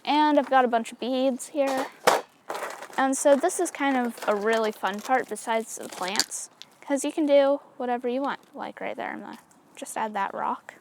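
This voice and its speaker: A woman's voice: high voice, normal speed, background noise. A woman casually talking through a hands-on craft demonstration, chatty and easygoing, with lots of little fillers. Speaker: craft tutorial host.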